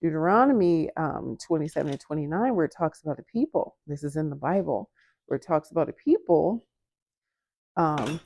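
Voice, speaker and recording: A woman in a home kitchen telling a story while baking, talking casually to the camera in front of her, lively, acting out quoted voices with jumps in pitch. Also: gravelly, no room sound. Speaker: vlogger.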